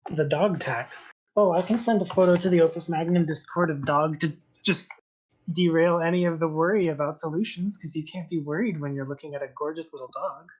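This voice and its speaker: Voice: medium pitch, steady tone, a little fast, a little mellow, slight background noise. A cheerful, chatty co-host talking casually on a live stream.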